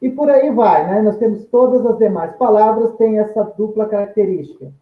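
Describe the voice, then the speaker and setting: Methodical teacher, echoey and tinny. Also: male voice, high-pitched, moderate pace. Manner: methodical, repeats each term with synonyms, stretches out example words. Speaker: Portuguese teacher. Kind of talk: recorded grammar lesson. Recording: echoey room, tinny phone-like sound.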